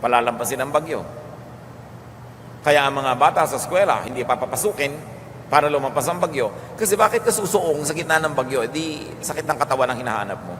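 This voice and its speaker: A man with a Filipino accent giving a calm teaching sermon, moving between Tagalog and English. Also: medium pitch, a little fast. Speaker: preacher. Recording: long hall reverb with faint noise.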